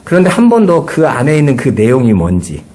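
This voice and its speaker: A man's voice: mid-range voice, huge pitch swings, brisk, a little mellow, slight background noise. A middle-aged man preaching a Sunday sermon as pastor, earnest, asking his listeners rhetorical questions.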